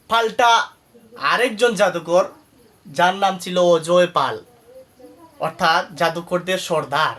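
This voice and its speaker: A male Islamic preacher from Bangladesh tells a story in his sermon with emphatic, rising delivery and a slightly high voice. Now and then he breaks into soft, murmured Arabic praises.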